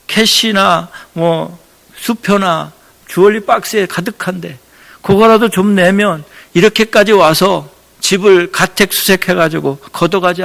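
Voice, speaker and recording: A man preaches a Sunday sermon with a bright, high-set voice that often drops into a gravelly rasp. He tells stories earnestly and acts out the people in them. His voice rings out into a long church reverb. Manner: earnest preaching, animated storytelling with lively acted quotes. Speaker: pastor. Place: church sanctuary.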